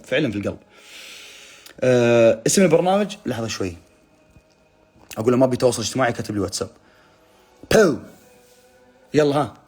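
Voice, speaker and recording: Young guy hosting a phone live, husky voice, very lively pitch; teasing, reads comments aloud. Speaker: livestream host. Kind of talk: casual live chat reading comments.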